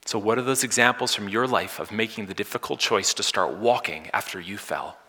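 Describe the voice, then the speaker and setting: Male pastor, bright forceful tone, dynamic sermon delivery that swells loud then drops soft, long hall reverb. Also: lowish voice, fairly quick, husky. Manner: dynamic, swinging from loud emphasis to soft hushed lines.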